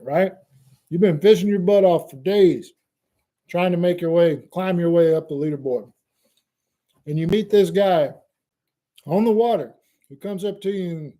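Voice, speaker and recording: A man, hosting a fishing channel and telling a lively fishing story in casual chat. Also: sits high. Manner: animated storyteller, Southern y'all, laughs at own jokes.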